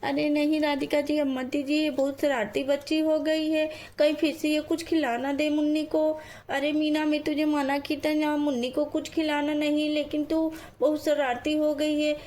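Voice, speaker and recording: A woman's voice: high voice, little pitch movement, normal speed, darkish tone, lightly acted. A woman voicing a scolding young village mother in a doll story, exasperated with her mischievous daughter. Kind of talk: doll story role-play.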